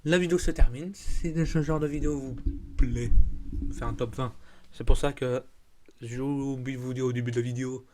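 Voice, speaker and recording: Rambling Belgian man, mellow voice. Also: mid-range voice, fairly even intonation, normal speed, a little hiss or hum. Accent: Belgian French. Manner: rambling, stumbles and corrects himself. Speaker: YouTuber. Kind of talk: casual vlog talk.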